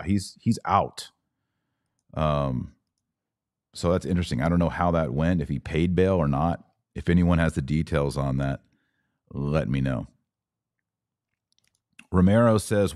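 Reading viewer comments aloud on a live commentary podcast, an American man poses questions and thinks out loud in a conversational way. His voice sits low and is a little mellow. The recording is dry and the studio sound clean.

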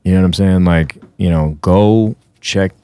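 A man's voice: sits low, unhurried, warm tone, smooth, dry recording. A thirty-year-old man, a music producer guest on a podcast, talking in a laid-back, rambling way and swearing freely. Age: 30s. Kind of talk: casual podcast chat.

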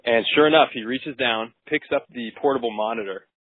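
A man, a physician, casually recounting a case on a podcast with relaxed, wry and crude asides. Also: mid-range voice, brisk, slightly rough, no echo. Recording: tinny dry phone-like recording.

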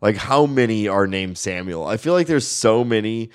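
Low-pitched man chatting on a podcast. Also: animated, normal speed, smooth. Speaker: podcast panelist. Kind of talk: casual chat.

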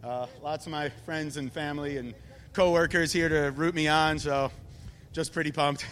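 Upbeat male driver, faint rumble. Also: fairly even intonation, fairly bright tone. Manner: upbeat, halting. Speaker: race-winning driver. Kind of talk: post-race interview.

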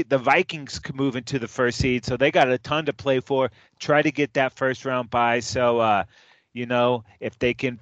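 A man's voice: medium pitch, a bit bright, no echo, muffled recording. A man co-hosting a casual sports chat, loose and jokey, often calling his partner dude. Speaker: sports podcast co-host.

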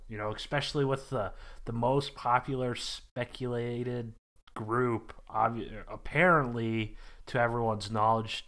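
Male podcast co-host, low pitch, very bright forceful tone, excitable and stumbling. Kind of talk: casual podcast chat.

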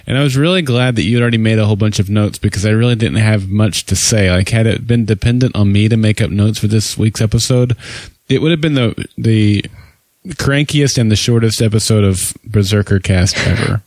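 A man's voice: fairly low pitch, fairly quick, a little mellow, no echo. A man co-hosting a podcast in casual, joking chat with some rambling. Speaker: podcast co-host.

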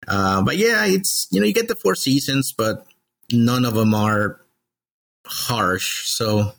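A man in his forties from El Salvador, a podcast guest telling his story in a relaxed, friendly way. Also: mid-range voice, slow pace, vocal fry. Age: 40s. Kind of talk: casual interview.

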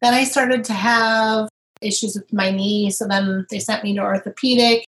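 At medium pitch and a moderate pace, a middle-aged woman candidly tells an interviewer about her recovery, speaking earnestly and animating her memories with quoted voices. The audio is poor.

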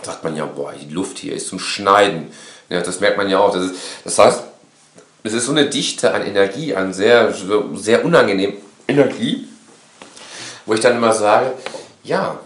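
A man in casual conversation, talking in an animated, rambling way and often tagging his sentences with a questioning "ne". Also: fairly low pitch, moderate pace, pauses often. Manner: animated, rambling, frequent tag "ne?". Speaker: course instructor. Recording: echoey room.

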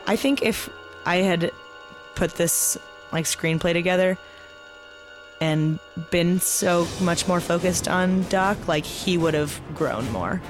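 A man giving a thoughtful, halting take on a film in casual podcast talk. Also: sits high, music in the background.

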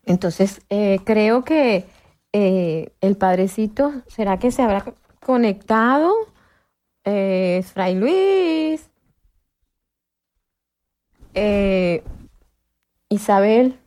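A woman's voice: medium pitch, lively intonation, very slow, long pauses, warm tone. A woman with a Caracas Venezuelan accent hosting a casual interview, chatty and telling stories that act out quoted speech. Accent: Caracas Venezuelan Spanish. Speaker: host.

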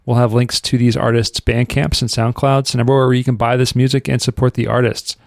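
A man's voice: mid-range voice, level tone, fast, vocal fry, no room sound, studio quality. A man co-hosting a podcast, talking in a laid-back way and giving short agreeing replies. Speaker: podcast co-host. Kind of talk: casual chat.

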